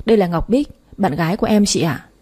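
A woman's voice: medium pitch, animated, fast talker, dark tone, husky. A woman reading the part of a devoted young man in a storybook, speaking firmly and defensively. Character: devoted young man, firm with his family.

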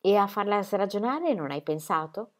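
A woman's voice: mid-range voice, animated, moderate pace, voice pushed up, close to an everyday voice. A woman voicing a small, furious elderly aunt who scolds with sarcasm. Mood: scolding.

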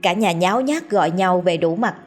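Low-voiced woman reading a story. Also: faint music behind. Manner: measured, expressive reading. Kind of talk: scripted narration of a ghost story.

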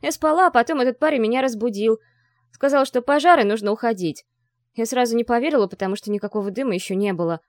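A woman's voice: fairly high pitch, quick pace, dry recording, clean studio sound, voice pushed up, natural voice. A woman voicing Arina, a carefree young student who speaks in an airy, gushing way. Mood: dreamy.

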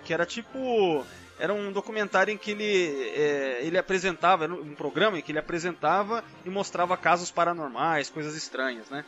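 Over background music, a high-pitched Brazilian man with a fairly bright tone takes part in a casual film and TV trivia discussion as a podcast panelist. He rambles and keeps adding small tag questions, and the audio sounds dull.

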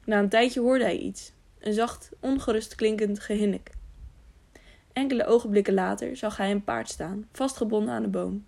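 A woman reading an audiobook aloud, with a gravelly, creaky texture in her voice. She stumbles over words now and then and goes back to correct them. Her pitch sits in the middle for a woman. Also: fairly even intonation, moderate pace, darkish tone. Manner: frequent slips and self-corrections. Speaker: audiobook reader. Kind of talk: scripted narration.

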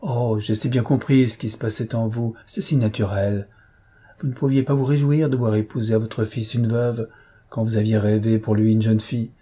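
A man voicing a gentle old countess. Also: fairly low pitch, steady tone, moderate pace, breathy edge. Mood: kindly.

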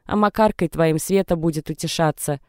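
A young woman on the edge of tears, bitter and defiant as she argues, as a narrator puts her on. The tone is mellow and smooth, read close and dry like a storybook recording. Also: mid-range voice, brisk, no echo, natural voice. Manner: anguished, defiant, tearful. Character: young distressed pregnant woman. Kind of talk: audiobook character reading.

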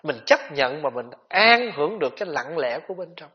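High-voiced monk preaching. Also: male voice, very animated, fairly quick. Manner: gentle conversational preaching with chuckles and rhetorical questions. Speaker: Buddhist monk giving a dharma talk. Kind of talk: sermon. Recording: dull lo-fi tape recording.

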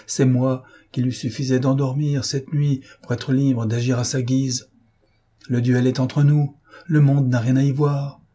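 A man voicing a proud, defiant gentleman thief in an audiobook, mocking and self-assured. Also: mid-range voice, slightly rough. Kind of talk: audiobook character reading.

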